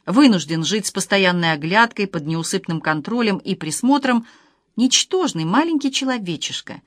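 Женщина, сухое чтение аудиокниги. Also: female voice, lowish voice, a bit bright, dry recording, clean studio sound. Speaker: audiobook narrator. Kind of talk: scripted narration.

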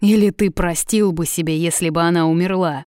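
Storybook king: a woman reading a stern, commanding young ruler, low and warm. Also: fairly quick, no echo, clean studio sound, natural voice. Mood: angry. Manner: calm and commanding.

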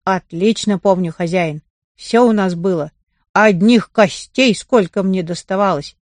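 A woman voicing a loyal, gentle male dog in a storybook reading, speaking softly and kindly. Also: mid-range voice, unhurried, dry recording, lightly acted. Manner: soft, kindly, consoling.

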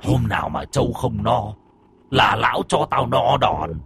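A man voicing the vengeful ghost of a murdered orphan boy, snarling and swinging from low hisses to shrieks. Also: lively intonation, unhurried, fairly bright tone, breathy edge, exaggerated voice. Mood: bitter.

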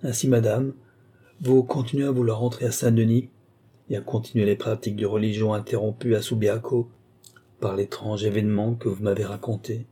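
Man doing a calm royal princess, stately, low and dark voice. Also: a little fast, husky. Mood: reassuring. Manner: calm, reassuring, dignified. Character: dignified royal princess, convent superior.

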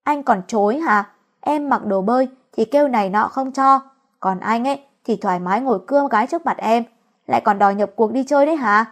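A woman's voice: a little high, a little fast, close to an everyday voice. A woman reading the part of a young wife who sulks and complains out of jealousy. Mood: sulky. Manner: sulky, whiny.

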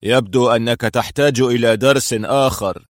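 A man voicing gruff, harsh male prison guards who bark and shout in a dramatic audiobook. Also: medium pitch, expressive, a little fast, no room sound, clean studio sound, natural voice.

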